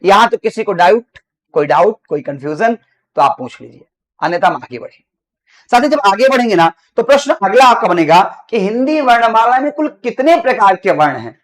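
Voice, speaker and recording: A man's voice: high-pitched, big pitch swings, fairly bright tone. A male teacher giving an online grammar lesson. He asks the class questions, answers them himself, and repeats key phrases. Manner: slows down to dictate notes.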